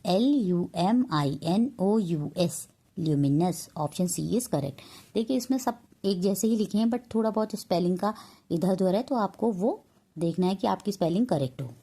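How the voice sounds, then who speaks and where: A woman teacher with an Indian English accent talks through a vocabulary lesson. She switches between Hindi and English and spells each answer out letter by letter. Her voice is mellow and a little low, and her delivery is slow and unhurried. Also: slightly rough.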